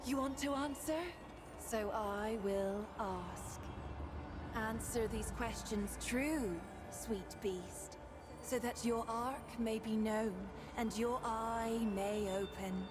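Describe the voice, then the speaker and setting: Ethereal game tree spirit: bubbly, girlish Valley Girl accent, higher voice, theatrical and leisurely. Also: slow pace. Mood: playful, bubbly. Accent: Californian Valley Girl. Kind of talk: theatrical video game dialogue. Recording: game music behind the voice.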